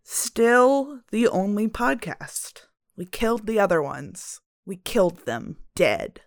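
Brief: woman game master, unhurried delivery, dry close mic, playful. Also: medium pitch, animated, no echo. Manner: playful, joking, laughs often. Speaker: dungeon master. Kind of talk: running a tabletop game podcast.

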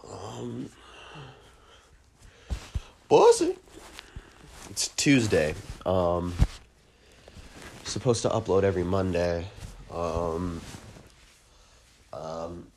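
A man hosting a comedy podcast, rambling crudely through a stream of ums and restarts and breaking into shrill squealed sound effects. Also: steady tone, takes it slowly, creaky, long pauses, darkish tone, slight background noise. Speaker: podcast host.

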